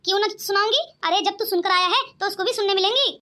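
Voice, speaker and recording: A sharp-tongued middle-aged mother-in-law in a cartoon scolds her family and laughs easily, as a woman voices her. Her voice sits very high and bright. She talks in a scolding, teasing manner. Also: fast. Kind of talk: cartoon voice acting.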